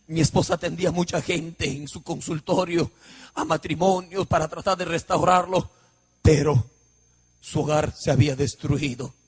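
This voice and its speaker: A man's voice: fairly high pitch, steady tone, moderate pace, slightly rough, long reverb tail. A man from Huánuco, preaching his personal testimony in an emotional, storytelling way. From Huánuco, Peru. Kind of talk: sermon testimony.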